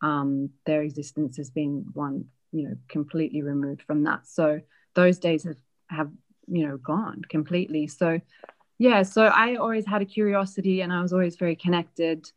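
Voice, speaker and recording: A woman being interviewed, reflectively telling a personal family story with many pauses and fillers. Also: deep voice, steady tone. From Australia. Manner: reflective, hesitant with frequent fillers.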